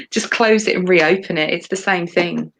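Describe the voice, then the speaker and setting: A woman's voice: lowish voice, a bit bright, slight background noise. A woman co-hosting a casual livestream discussion over a video call, rambling and hesitant with many ums. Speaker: co-host.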